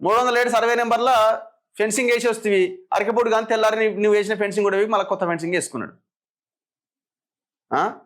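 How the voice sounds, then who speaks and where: A man's voice: high-pitched, fairly even intonation, very fast, fairly bright tone. A man with a Telangana Telugu accent giving opinionated political commentary, firing sarcastic rhetorical questions.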